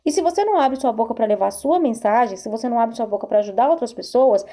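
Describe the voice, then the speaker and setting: A woman's voice: fairly high pitch, lively intonation, fast, dark tone. A woman therapist giving an earnest self-help talk to camera, repeating herself and asking rhetorical questions. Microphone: recorded video to camera.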